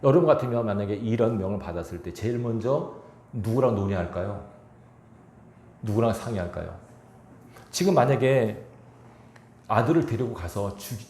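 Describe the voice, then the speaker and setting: Lively low-voiced pastor preaching. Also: male voice, echoey room, a little hiss or hum. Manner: animated, acts out quoted speech, asks the congregation questions. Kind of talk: sermon. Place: church sanctuary.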